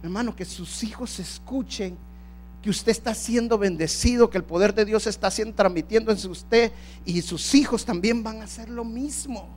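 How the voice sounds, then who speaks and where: A male pastor delivering an impassioned sermon that swings from hushed tones to shouting. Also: high-pitched, moderate pace, a little hiss or hum.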